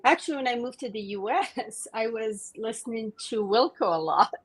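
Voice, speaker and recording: A woman's voice: a little high, normal speed, husky, low-quality recording. A woman from Morocco, a podcast guest eagerly telling a rambling story and laughing often. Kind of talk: casual interview chat.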